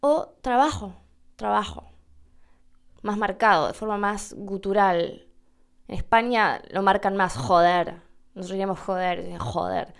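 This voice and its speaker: A woman's voice: medium pitch, steady tone, normal speed, clean tone. Chatty Argentine woman podcast host. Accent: Argentine Spanish. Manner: chatty, self-deprecating, demonstrates pronunciations. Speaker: podcast host teaching Spanish. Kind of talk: casual educational podcast.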